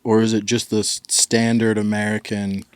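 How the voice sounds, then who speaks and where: A man co-hosting a podcast, throwing in jokes and quick interjections. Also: on the low side, clear, resonant tone, no room sound. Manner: joking, lively interjections. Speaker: podcast co-host. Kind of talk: casual interview chat.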